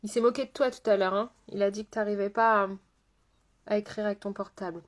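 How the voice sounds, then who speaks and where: A chatty woman hosts a live makeup stream, talking to her viewers as she works. She greets them by name, repeats her phrases, and at times slows down into a soft, almost hypnotic murmur. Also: mid-range voice, fairly even intonation. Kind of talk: casual live-stream chat while doing makeup.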